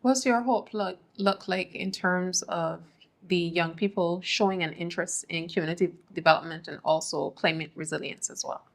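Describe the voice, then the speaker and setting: Woman interviewer, lowish pitch, composed questions. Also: fairly even intonation, moderate pace. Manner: composed, long framed questions.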